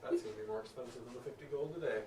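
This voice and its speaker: A man voicing a snooty, deadpan, aloof cat adventurer in a tabletop role-playing game. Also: medium pitch, rapid-fire, lightly acted. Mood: snooty, dry. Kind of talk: in-character tabletop role-play. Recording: roomy, noisy, distant microphone.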